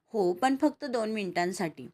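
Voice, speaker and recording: A woman's voice: medium pitch, expressive, moderate pace, darkish tone, natural voice. Brief: earnest, courteous young heroine, read by a female storyteller. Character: young woman, polite and determined.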